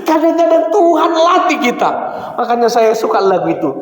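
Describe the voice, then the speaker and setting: High-voiced pastor preaching in an echoey hall. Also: male voice, sing-song, normal speed. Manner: preaching with sung hymn lines and chuckling anecdotes. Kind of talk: sermon. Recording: echoey church hall with faint ambience.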